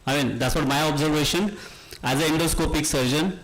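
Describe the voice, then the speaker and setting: A man's voice: a little high, brisk, low-quality recording. A male endoscopic spine surgeon, speaking to workshop participants in a conversational teaching manner and asking them questions. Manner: conversational, asks the audience questions. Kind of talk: lecture to a workshop audience.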